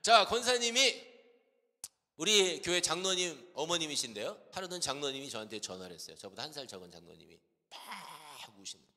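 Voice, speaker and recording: A man's voice: fairly high pitch, fairly quick, few pauses. A middle-aged man preaching a sermon as a guest pastor, telling stories about church members and acting out their words. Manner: animated storytelling, acts out quoted voices of church members. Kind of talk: sermon with storytelling. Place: church sanctuary. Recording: long hall reverb.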